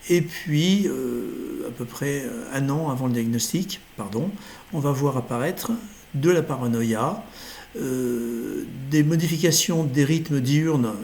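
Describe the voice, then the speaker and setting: A man's voice: mid-range voice, takes it slowly, darkish tone, slight background noise. A middle-aged man giving a recorded lecture over slides, hesitant, with many fillers and self-corrections. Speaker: lecturer in neurology.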